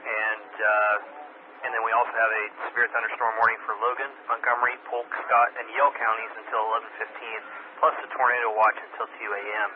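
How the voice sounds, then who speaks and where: A man reading weather bulletins as net control, heard over a two-way radio with static, steady and spelling out names with an occasional "uh.". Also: fairly low pitch, fairly quick. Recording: tinny radio transmission with static hiss.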